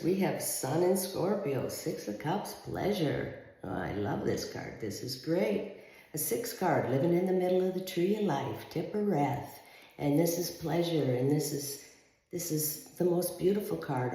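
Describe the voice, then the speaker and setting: A woman's voice: low-pitched, mellow. A woman giving a casual, conversational tarot reading in an empty house, with big hall echo around her voice. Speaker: tarot reader.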